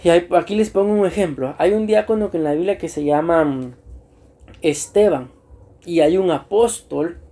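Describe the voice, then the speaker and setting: Male pastor, mellow tone, earnest church teaching, frequent throat-clearing. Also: on the high side. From Costa Rica. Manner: earnest and unhurried, repeats himself, often clears his throat. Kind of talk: church teaching to new deacons.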